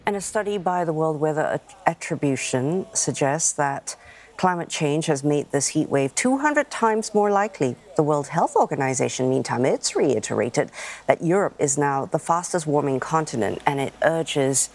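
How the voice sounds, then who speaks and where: A woman news anchor reading stories in a brisk, steady way. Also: deep voice.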